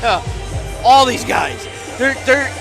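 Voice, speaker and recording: A man doing live wrestling commentary with an excitable, emphatic delivery. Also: very high voice, takes it slowly, gravelly. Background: music.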